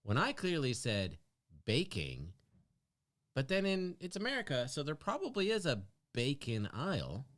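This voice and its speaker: A man's voice: on the high side, wildly swooping pitch, normal speed, hardly any pauses, a bit bright. A man co-hosting a casual podcast chat, telling stories animatedly and swearing casually. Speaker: podcast co-host.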